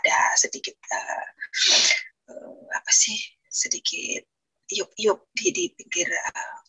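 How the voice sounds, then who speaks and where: A woman's voice: very high-pitched, huge pitch swings, takes it slowly, bright, forceful tone, no echo, in a whisper, poor audio. A woman, earnestly telling her personal testimony in a rambling way, often restarting her sentences. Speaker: guest giving a testimony.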